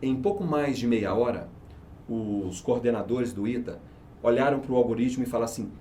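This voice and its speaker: A research and market manager, appearing as an interview guest, talks through his teaching method at a normal speed in a mellow, mid-range voice. His delivery is persuasive and forceful, and he often raises rhetorical questions only to answer them. Slight background noise can be heard.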